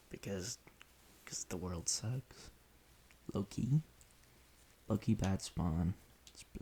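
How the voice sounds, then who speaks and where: A man casually rambling in an offhand, deadpan way while he plays a video game, often restarting his sentences. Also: low-pitched, gravelly, slight background noise. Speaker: solo podcaster playing a video game.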